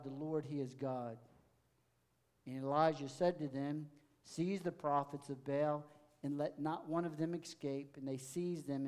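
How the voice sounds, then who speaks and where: High-voiced man reading scripture in a sermon. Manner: reads with rising, forceful emphasis. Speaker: pastor. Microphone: mic checked aloud.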